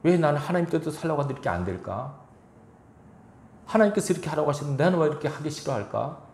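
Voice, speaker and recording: A man's voice: a little high, expressive, racing, creaky, darkish tone, a little hiss or hum. A male pastor giving a sermon, reading scripture and then pressing the congregation with rhetorical questions. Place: church sanctuary. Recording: echoey church room.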